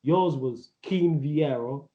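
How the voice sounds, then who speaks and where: A man in his thirties co-hosts a casual football debate on a podcast, rambling and emphatic and full of slang. His voice sits on the high side and moves at a slow pace. The audio is echoey and dull.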